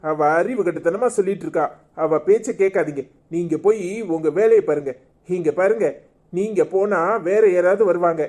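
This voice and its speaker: A fed-up office boss with a Tirunelveli Tamil accent, voiced by a man. He scolds in a dark, mellow tone. He sounds worn out and short-tempered in a cartoon comedy. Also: sits high, lightly acted. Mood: stern.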